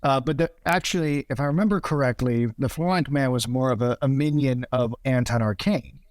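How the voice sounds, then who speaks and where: A man, a screenwriter guest, recalls decisions thoughtfully, with frequent halting restarts. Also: medium pitch, no echo.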